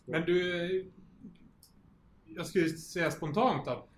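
A man with a high voice co-hosts a relaxed, informal interview. He sounds like he is in an echoey room, with faint noise behind him. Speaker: interview co-host. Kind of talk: casual chat. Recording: roomy echo with faint background noise.

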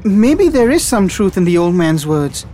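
A man's voice: high-pitched, very animated, moderate pace, slight background noise. A performer voicing a timid, polite young village man in a children's audio story. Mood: worried. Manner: worried, soft-spoken.

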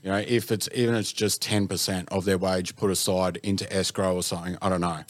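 An Australian man hosting a podcast in a casual interview chat, phrasing his points in a measured, slightly hesitant way. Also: deep voice, flat delivery. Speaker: podcast host.

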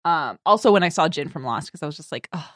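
Podcast co-host, woman, animated casual chat, dry close mic. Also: sits low, no echo. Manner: animated, quick to act out quotes.

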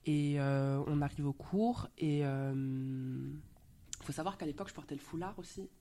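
Guest: young Belgian woman, soft and halting, warm dark tone. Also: deep voice. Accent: Belgian French. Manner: hesitant, many fillers, soft-spoken. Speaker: actress guest. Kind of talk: casual interview chat.

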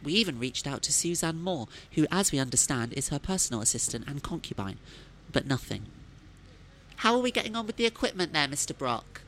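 An animated voice with faint noise behind it , acted by a woman. She is a polite, gushing female radio presenter in a comedy parody, sweeping up and down as she talks. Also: low-pitched, brisk.

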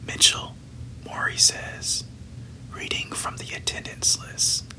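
A podcast host reading a novel aloud entirely in a hushed, unvoiced whisper, delivering the passages evenly. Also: low-quality recording. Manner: slow, hushed, even delivery of book passages.

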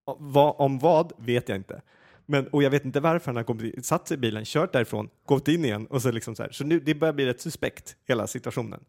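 Creaky-voiced man telling a story. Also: mid-range voice. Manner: animated, many fillers and restarts. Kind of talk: casual storytelling.

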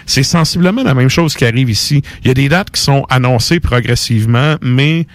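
A man's voice: medium pitch, fairly quick. A man with a Québécois accent co-hosting a podcast, telling stories in casual, colloquial chat full of fillers. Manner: animated, colloquial storytelling with frequent fillers. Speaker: podcast co-host.

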